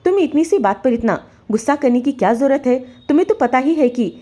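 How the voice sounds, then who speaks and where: Woman doing a scornful mother-in-law, haughty, condescending, high-pitched. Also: lively intonation, fairly quick, warm tone.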